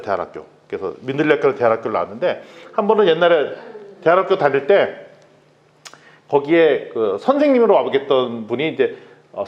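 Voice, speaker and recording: A man's voice: a little high, lo-fi sound. A man preaching a sermon as pastor, telling stories and acting out quoted dialogue. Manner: lively storytelling, acts out quoted dialogue.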